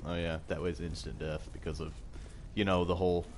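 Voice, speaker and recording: A man's voice: low voice, little pitch movement, fairly quick, very noisy. A young man chatting casually and crudely while playing a video game, with game sound behind. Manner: crude, slangy banter. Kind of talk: casual joking gameplay chat.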